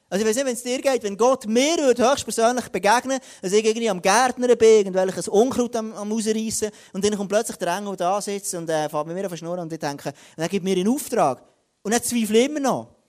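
A high-pitched man preaching. He delivers his sermon in a lively way, giving the biblical figures their own voices and dragging out key words for weight. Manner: lively, acts out biblical voices, varies pace for emphasis.

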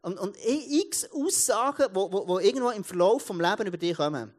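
A man's voice: high voice, fairly quick. A man in his thirties with a Swiss German accent, giving a casual sermon as a pastor, telling stories with many restarts. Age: 30s. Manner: lively storytelling, many restarts and repeated words.

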